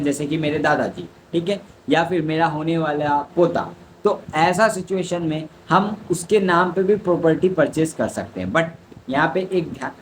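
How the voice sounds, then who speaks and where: A man's voice: fairly high pitch, a little hiss or hum, poor audio. A young man tutors exam students in law, explaining step by step and answering his own questions. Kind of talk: exam revision lecture.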